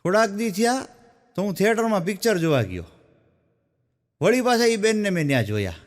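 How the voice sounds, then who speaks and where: A male stand-up comedian tells folksy joke stories on stage. His voice sits a little high for a man, and he drops it low whenever he quotes someone. The sound carries a long reverb, as in a large hall. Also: big pitch swings, a little fast.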